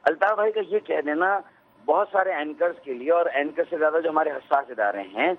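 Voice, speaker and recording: A male politician on a phone line, arguing his point insistently and talking over the host. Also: fairly high pitch.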